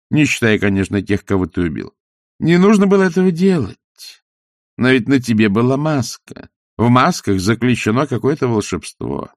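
Give me a stern old witch, calm and knowing, read by a man with an animated pitch. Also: no echo, clean studio sound, close to an everyday voice.

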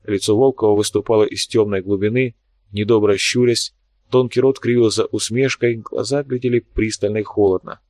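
A man narrating an audiobook in an even, measured way. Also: on the low side, dry recording. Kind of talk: scripted narration.

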